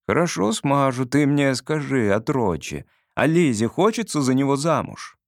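A man playing a sly, weary grown man who talks slowly and teases a child. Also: medium pitch, sing-song, dry recording, clean studio sound. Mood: wry, teasing. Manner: slow, wry and teasing.

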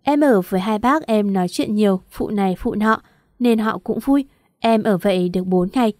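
A woman's voice: medium pitch, normal speed, a little mellow, dry recording, clean studio sound. Woman reading a tearful love story. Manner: emotional, voices the quarrels and crying. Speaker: audiobook narrator. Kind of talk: first-person story reading with dialogue.

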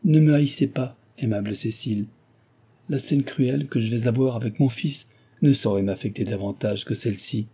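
A man voicing a stately, gentle noble mother. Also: mid-range voice, normal speed, husky. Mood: tender. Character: dignified noble mother, gentle but firm.

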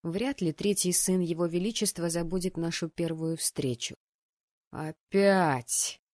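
A woman narrating a first-person fantasy story aloud, acting out the characters' lines with lively changes of voice. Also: normal speed, dry recording, studio quality. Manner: voices the rowdy students' shouts with bursts of pitch and volume. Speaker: audiobook narrator.

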